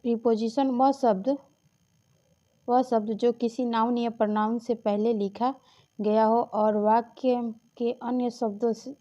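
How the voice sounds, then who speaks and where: Mellow-voiced woman teaching grammar. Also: on the high side, muffled recording. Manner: explanatory, repeats key points and checks with "ठीक है". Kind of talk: exam-prep grammar lesson.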